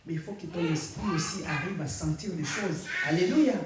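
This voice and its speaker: At normal speed and in a lowish voice, a female pastor delivers a sermon, repeatedly calling out "Alléluia" for a response. There's background noise, including the congregation answering "Amen", and the far-off mic yields a very echoey sound.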